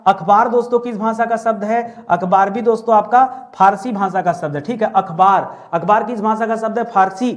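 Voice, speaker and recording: A man teaching a Hindi grammar class online, lively and joking, drilling words by repetition. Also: sits high, moderate pace, hardly any pauses.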